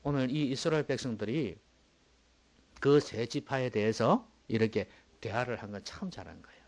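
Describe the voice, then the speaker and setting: In an expressive sermon at normal speed, a man preaching as pastor moves from soft, low asides to loud, emphatic bursts, asking the congregation rhetorical questions along the way.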